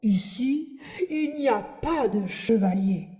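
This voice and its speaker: A woman voicing a gruff, bearded male puppet master in an audiobook, stern yet softhearted. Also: on the high side, lively intonation, slow. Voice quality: gruff, sneezing. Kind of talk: audiobook character reading.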